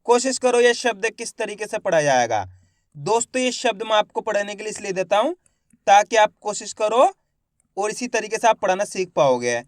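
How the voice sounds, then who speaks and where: A man teaching Hindi reading, sounding words out slowly syllable by syllable and then repeating each whole, while he encourages viewers as friends. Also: high-pitched, lively intonation, dry recording.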